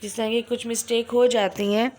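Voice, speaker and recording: A pre-nursery teacher, slowly drilling phonics letter by letter in a recorded homework lesson for parents and children. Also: female voice, fairly high pitch, flat delivery, a little mellow. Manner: slow, drawn-out phonics drilling, sounding out each letter.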